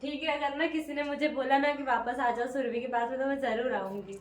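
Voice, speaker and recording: A woman's voice: sits high, fairly even intonation, brisk. A young woman in playful casual chat with her friend, teasing her. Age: young adult. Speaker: vlogger's friend. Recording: echoey room with faint noise.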